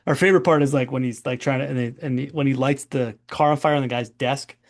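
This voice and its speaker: Brief: forties male doctor hosting webinar, gravelly and chatty. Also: medium pitch, steady tone, quick pace. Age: 40s. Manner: chatty, long-winded, rambling. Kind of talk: casual webinar Q&A.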